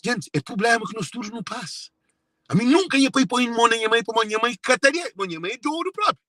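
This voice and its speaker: A Cape Verdean man shares a personal family story in an emotional monologue to viewers, repeating himself and circling back to his phrases. His voice is very high, animated, fast, and a bit bright.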